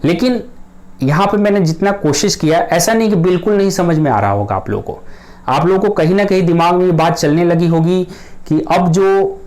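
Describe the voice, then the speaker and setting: A man's voice: on the high side, darkish tone. Patient male English grammar teacher. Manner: patient, repeats key points, reassuring. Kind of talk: explanatory lesson.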